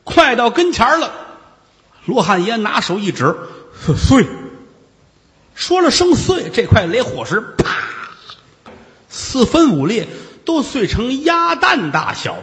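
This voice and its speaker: A man performs a traditional tale, voicing whooshes and crashes as he goes. His voice rides high and leaps across its range. A long hall reverb hangs on every phrase. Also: a little slow. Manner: dramatic, animated, with sound effects. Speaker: storyteller.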